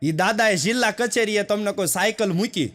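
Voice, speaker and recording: High-voiced guy doing stand-up, chatty folksy storyteller. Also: fairly quick, a bit bright. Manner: folksy, chatty, addresses the audience directly. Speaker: stand-up comedian.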